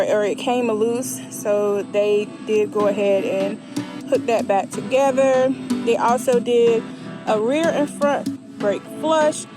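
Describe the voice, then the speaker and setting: A woman with a fairly high voice talks in a casual vlog style. She addresses her viewers directly and informally, as a motorcycle vlogger does. Loud music plays behind her voice. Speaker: motovlogger.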